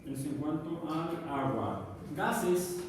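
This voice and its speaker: A male science professor lectures a class, his slightly high voice caught from far off by a room mic. Long echoes ring through the classroom, and a steady noise sits under his words. He keeps turning to the students with questions as he explains. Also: slow pace.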